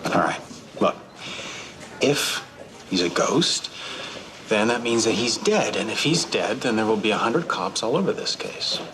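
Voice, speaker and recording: A skeptical police officer, low-voiced and dryly sarcastic. He talks against audible background noise in a TV drama mix. His jabs land flat and cool. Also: unhurried.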